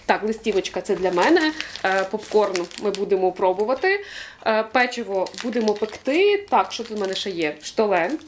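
A young woman vlogging from home as she unboxes a gift, chatty and thankful, often pausing with fillers. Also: mid-range voice, sing-song, a little hiss or hum. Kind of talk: casual unboxing chat. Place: home room.

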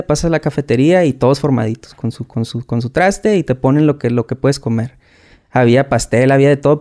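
A man's voice: mid-range voice, warm tone. A man with a Mexican accent, telling his story as a podcast guest in casual, slangy talk, often repeating and restarting words. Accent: Mexican Spanish.

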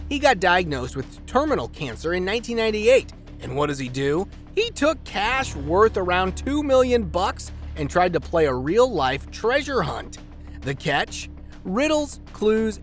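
A man giving playful, slangy scripted narration for a countdown video. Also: high voice. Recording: music bed under the voice.

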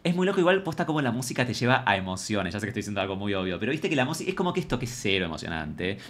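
A young man with an Argentine accent chatting excitedly to his viewers as he reacts to a reality show. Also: fairly low pitch, racing, over loud music. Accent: Rioplatense Argentine Spanish. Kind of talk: casual reaction commentary.

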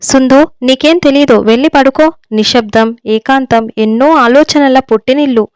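An earnest, dreamy husband in a storybook who is set on becoming a writer, as a woman reading the tale voices him. He talks seriously about his plans in a smooth, fairly high voice on a dry, close recording. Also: normal speed, dry recording, natural voice. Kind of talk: audiobook storytelling.

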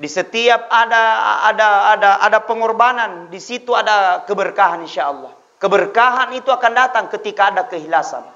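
A man giving a humorous sermon, moving between chatty storytelling asides and loud exhortation. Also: sits high, a little fast, few pauses. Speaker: preacher. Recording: dull lo-fi audio.

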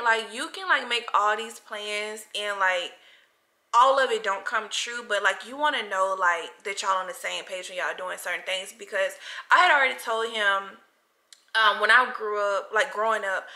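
A woman's voice: medium pitch, pushed and bright. A 30-year-old woman vlogging casually from her couch, talking with lots of "like" and "y'all". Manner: chatty, frequent "like" and "y'all" fillers. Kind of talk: casual chat to camera. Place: bright living room, seated on a couch. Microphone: camera in front of her.

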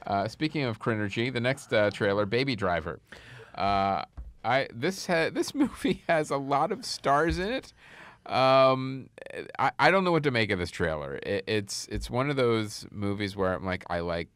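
A man's voice: medium pitch, big pitch swings, moderate pace, a bit bright, clean tone, no room sound. A man co-hosting a casual comedy film podcast, laughing often and restarting his sentences. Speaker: podcast co-host.

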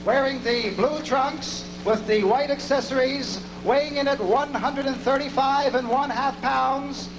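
A man making loud, ceremonious boxing ring introductions over an arena microphone with noise behind him. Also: very high-pitched, unhurried, few pauses. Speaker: ring announcer. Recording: noisy arena public address sound.

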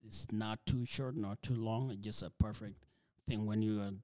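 Quiet and halting, a man with a flat, low voice fills his answers with fillers and restarts as a guest ministry leader in a church interview conversation. He is a first-language Dinka speaker, heard on a dry recording.

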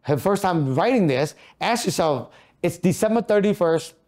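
Goal setting is the subject as a man in his fifties co-hosts a motivational podcast in an office meeting room. His voice sits high with lively intonation and a darkish tone at a moderate pace, and he poses rhetorical question after rhetorical question in an earnest coaching style.

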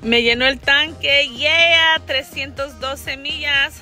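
Her higher voice has a sharp tone and fairly even intonation, and she takes her time as she chats casually on camera. Treating viewers as friends, the vlogger moves between Spanish and English. She records on a phone at arm's length in her home kitchen and then inside a car, with faint music in the background.

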